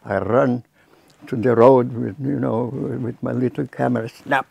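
A man in his nineties from Lithuania with a Lithuanian accent, telling his life story haltingly with many restarts, seated in a cluttered workshop. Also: medium pitch, fairly even intonation, creaky, dark tone, breathy edge. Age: 90s. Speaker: filmmaker recounting his life. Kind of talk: reflective storytelling. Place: cluttered workshop indoors, small room.

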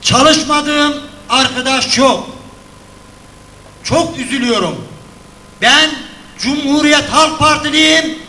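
An older man speaks from a podium microphone in a large hall, his voice set high and very bright. He is aggrieved and emphatic and hammers his points again and again, and the room rings around him with a strong echo. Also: slight background noise. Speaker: retired teacher speaking at a party congress. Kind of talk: heated podium speech. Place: large congress hall indoors.

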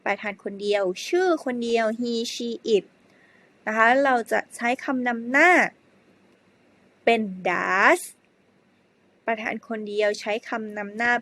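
A woman teaching an English grammar lesson to primary pupils, speaking slowly and spelling words out letter by letter. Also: a little high, a bit bright. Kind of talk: slow spelled-out classroom lesson.

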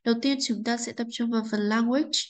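A woman's voice: a little high, fairly even intonation, fairly quick, darkish tone, low-quality recording. A woman English teacher explaining a textbook lesson, politely checking understanding with frequent tag questions.

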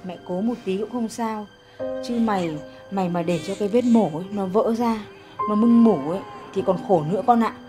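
Lady playing an older country grandma, soft pleading, music under it. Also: medium pitch, moderate pace, lightly acted. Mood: indignant care. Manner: gentle and pleading, turning indignant. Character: caring rural grandmother, the bride's mother.

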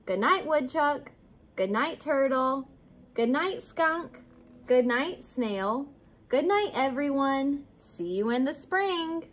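A woman voicing an eager tiny ladybug in a storybook read-aloud, with high squealing calls. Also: expressive, slow, slight background noise. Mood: gentle.

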